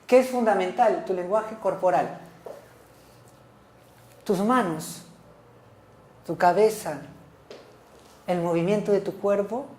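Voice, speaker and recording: A woman's voice: mid-range voice, darkish tone. Woman teaching a class, echoey room. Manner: instructive, asks frequent checking questions like "¿ok?" and "¿sí?"; repeats and rephrases key points. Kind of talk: recorded class lecture.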